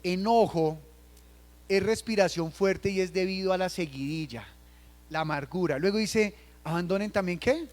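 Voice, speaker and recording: A man from Colombia, preaching a sermon and acting out everyday scenes in quoted voices, dropping to a hush and then rising loud. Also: high-pitched, normal speed. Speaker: pastor.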